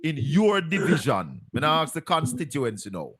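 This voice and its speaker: A man's voice: a little high, wildly swooping pitch, moderate pace, fairly bright tone, husky. A man with a Jamaican accent hosting a live stream, pressing his guest with insistent, point-by-point questions.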